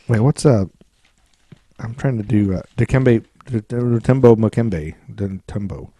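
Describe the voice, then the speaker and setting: Male comedy co-host, jokey and loose, mellow tone, dry close sound. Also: lowish voice, measured pace, no echo. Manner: joking, throws in silly put-on voices and trivia asides. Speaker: podcast co-host. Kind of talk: casual comedic chat.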